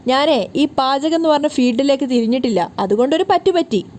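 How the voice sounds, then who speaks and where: A woman voicing a proud young man who boasts and defends himself loudly in a retold serial. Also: high-pitched, a little fast, lightly acted. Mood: defensive.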